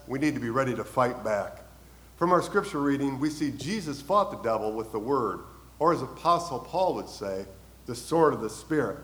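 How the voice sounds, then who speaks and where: A man's voice: medium pitch, poor audio. Earnest male preacher telling stories. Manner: earnest storytelling, swells then drops softly on key lines. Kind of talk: sermon.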